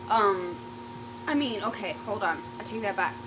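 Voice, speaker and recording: Female vlogger, mid-range pitch, informal and sweary, rambling storytime chat with trailing thoughts, clearly noisy recording. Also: lively intonation, normal speed. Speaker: YouTube vlogger. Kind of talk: casual rambling storytime chat while eating.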